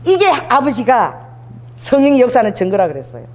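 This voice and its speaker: A woman's voice: fairly high pitch, wildly swooping pitch, fairly quick. A middle-aged woman pastor preaching an emphatic sermon and having the congregation repeat lines after her.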